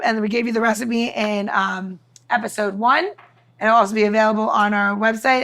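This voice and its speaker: A podcast co-host with a high, fairly bright voice walks through cocktail recipes in a casual, upbeat chat. She talks informally, sprinkling in lots of "like" and "you know."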